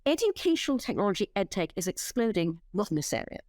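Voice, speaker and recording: A middle-aged woman speaking as an interview guest, emphatic and blunt, swearing freely and restarting her sentences as she pitches ideas. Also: sing-song, fast, a little mellow, dry recording. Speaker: interview guest, company founder. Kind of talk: animated interview talk.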